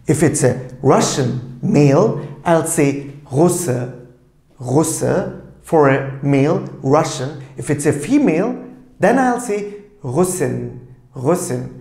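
A man's voice: high-pitched, darkish tone, reverberant. A man in his forties teaching German at a whiteboard, explaining words and drilling phrases for students to repeat. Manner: slow, deliberate repeat-after-me drilling. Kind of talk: language lesson at a whiteboard. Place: small indoor room with a whiteboard. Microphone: lapel mic.

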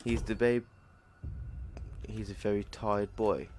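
A man's voice: lowish voice, flat delivery, slow, darkish tone, a little hiss or hum. A man streaming a horror game, reacting jumpily and swearing constantly as he plays. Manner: swears a lot, jumpy reactive outbursts. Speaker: gaming streamer. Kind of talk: horror game let's play commentary.

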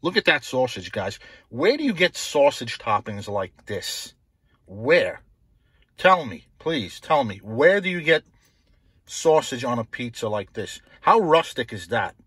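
A man with a somewhat husky, mid-pitched voice hosts a casual food review vlog. He talks eagerly and says his key phrases twice for emphasis. The sound is dry and close, with no room around it. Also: very animated, a little slow, a bit bright, no room sound. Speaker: pizza reviewer and host.

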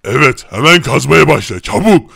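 A man voicing a gruff, threatening male guard who barks orders in a low, gravelly voice. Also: expressive, moderate pace, bright, forceful tone, no room sound, clean studio sound, full character voice.

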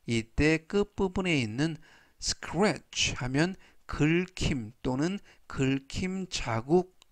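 A man teaching English vocabulary in a formal, polite way, saying each word slowly three times. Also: fairly high pitch, animated, no echo. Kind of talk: slow scripted vocabulary lesson.

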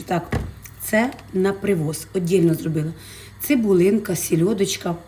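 A woman's voice: mid-range voice, a little mellow, a little hiss or hum. Lady selling fish, cooking vlog at home, super affectionate, lots of cutesy little words. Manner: chatty and affectionate, full of diminutives, talks to viewers as girls. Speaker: fish vendor and vlogger. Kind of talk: casual cooking vlog chat.

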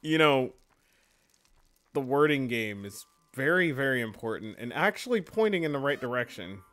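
A man's voice: medium pitch, very animated, normal speed. Guy playing a game and cussing, laughs a lot, voice jumps all over. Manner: swearing, laughing, reacting loudly. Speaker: let's play host. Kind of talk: casual game commentary.

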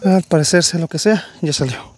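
A young man narrating his treasure hunt outdoors, eagerly talking to his viewers as friends, with a husky voice. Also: on the high side, moderate pace, very noisy. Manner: enthusiastic, addresses viewers as friends. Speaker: treasure-hunting vlogger. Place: wooded hillside outdoors. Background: crickets and insects.

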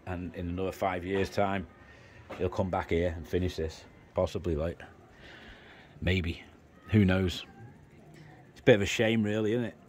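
A chatty man walks through a small house, explaining each room into a handheld phone camera. His voice sits a little low, loose and rambling. A faint wash of outdoor ambience runs under his talk. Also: a little mellow, slight background noise. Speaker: travel vlogger giving a house tour. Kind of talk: casual walking house tour. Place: outdoors on a house terrace and indoors in small rooms.

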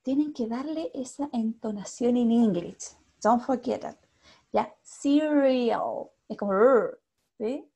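A high-voiced Chilean woman teaches over a video call, speaking slowly and patiently. Her voice has a gravelly, husky edge. She keeps checking in with her pupils and slips English into her Spanish. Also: mellow. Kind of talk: online class teaching.

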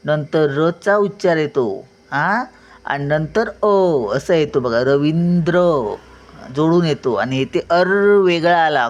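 An older woman gives a slow, unhurried lesson at home. She patiently spells out each letter and sounds out words syllable by syllable, often pausing to check that her learner is following. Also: low voice, highs cut off. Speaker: teacher.

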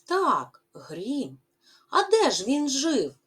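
A woman teacher giving a reading lesson to primary school children, expressive and drawing out stressed syllables. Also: sits high, drawn-out words, slightly rough.

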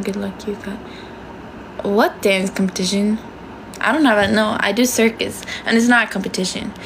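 Young Swedish woman, gravelly livestream chat. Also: medium pitch, background noise. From Sweden. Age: young adult. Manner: chatty, swears casually, switches between languages. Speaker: livestream host. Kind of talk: casual chat reading viewer comments. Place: small bedroom indoors. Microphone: phone held close.

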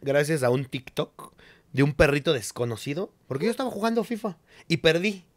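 A young man with a Mexican accent chats on a comedy podcast in a voice that sits a little high. He swears freely and tells stories in an animated, emotional way. The sound is dry and close to the mic. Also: fairly quick, dry recording. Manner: crude, animated, emotional storytelling. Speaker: podcast co-host. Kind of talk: casual comedy podcast chat.

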